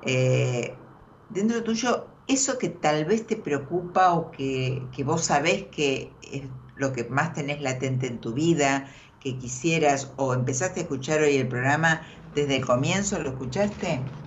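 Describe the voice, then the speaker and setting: A fortune teller with an Argentine accent talks through a tarot reading in conversation. The pitch sits in the middle, and the radio audio is dull and lo-fi. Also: measured pace, slight background noise. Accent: Argentine Spanish. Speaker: radio tarot reader and host.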